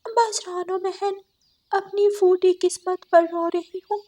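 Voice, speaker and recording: A grieving young widowed crow from a cartoon, tearful and pleading, her voice climbing very high as she cries out, as a woman puts her on. She sounds meek and heartbroken. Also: steady tone, takes it slowly, warm tone. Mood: sad, meek.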